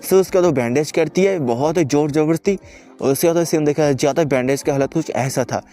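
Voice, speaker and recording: A man narrating an anime story recap in casual Hindi-Urdu, rapid and chatty, often starting lines with "so". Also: on the high side, warm tone, faint music behind. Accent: Hindi-Urdu speaker, mixes in English words. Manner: rapid, chatty, keeps repeating "so".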